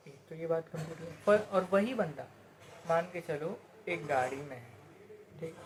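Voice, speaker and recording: A man giving a casual motivational talk. He explains with everyday examples and rhetorical questions, and switches into slower, deliberate English phrases. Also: fairly high pitch, darkish tone, a little hiss or hum. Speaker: motivational speaker.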